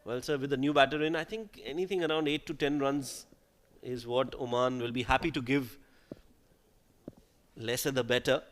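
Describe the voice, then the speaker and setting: A man's voice: medium pitch, steady tone, normal speed, a little hiss or hum. A man giving live cricket commentary in a conversational way, putting questions to his co-commentator.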